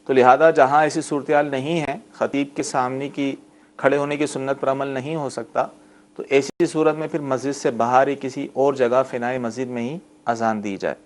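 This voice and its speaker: A man answering callers' religious questions on a TV studio show. His voice sits at an ordinary, medium pitch. He explains calmly and at length, and pronounces difficult words slowly and clearly. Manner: patient and explanatory, spells out the right pronunciation slowly. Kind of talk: religious call-in Q&A on TV.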